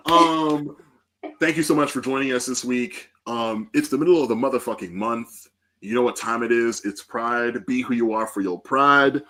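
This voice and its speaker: A man hosting a casual music podcast, talking in a loose, profane and animated way into a podcast mic. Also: mid-range voice, normal speed. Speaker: podcast host.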